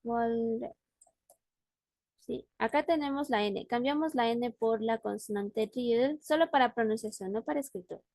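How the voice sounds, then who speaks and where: A woman's voice: on the high side, normal speed, creaky, darkish tone, dry recording. A woman teaching a language class on a video call, explaining words patiently and often checking in with her student. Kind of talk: online class.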